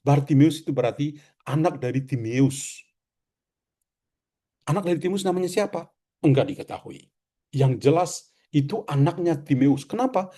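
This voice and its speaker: Mellow-voiced priest giving a sermon. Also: male voice, fairly high pitch, normal speed, long pauses. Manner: conversational preaching with rhetorical questions and asides. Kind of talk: recorded devotional reflection.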